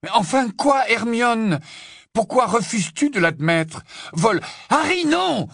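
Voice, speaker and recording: A man's voice: high voice, expressive, measured pace, a bit bright, no echo, clean studio sound, voice pushed up, exaggerated voice. A man voicing a feverish, insistent teenage boy wizard, in an audiobook. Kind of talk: audiobook character voice.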